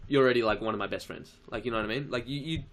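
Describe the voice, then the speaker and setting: A young Australian man with an Australian accent and a mid-range voice talks very fast. He's chatting casually on a live stream, answering viewer questions in a laid-back, slangy manner with casual swearing.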